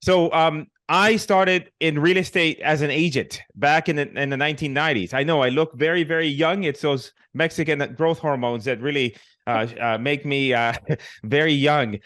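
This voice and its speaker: A middle-aged man with a Puerto Rican accent speaks as an interview guest, his voice sitting a little high for a man. He tells his story casually, joking along the way and stumbling through fillers and restarts. The sound is dry and close, with almost no room behind it. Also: normal speed, fairly bright tone, dry recording. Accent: Puerto Rican Spanish. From Puerto Rico. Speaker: guest, real estate investor.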